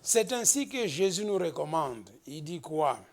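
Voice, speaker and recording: A man from the Democratic Republic of the Congo preaching a slow, emphatic sermon as pastor, rising into exhortations. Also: a little high, very animated.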